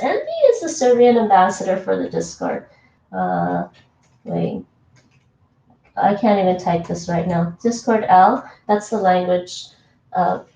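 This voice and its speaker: A Toronto woman livestreams while cooking in her home kitchen, chatting casually with her stream chat and laughing often. Her voice is mid-range, creaky and mellow. She's off-mic in an echoey room, so she sounds distant.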